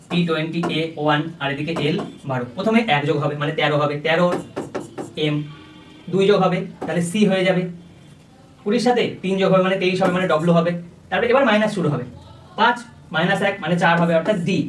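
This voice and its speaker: A brisk coaching teacher walks through the problems step by step and keeps checking that students follow. The voice sits back from the mic in an echoey room. A faint hum of ambience runs underneath. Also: medium pitch, recorded from a distance. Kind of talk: exam-prep lecture.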